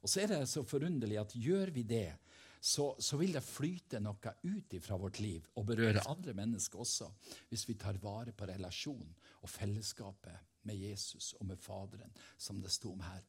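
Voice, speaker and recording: A man's voice: fairly low pitch, animated, slightly rough. A man giving a fervent devotional testimony as a preacher, telling stories from his own life. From Helgeland coast, Norway. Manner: fervent, storytelling.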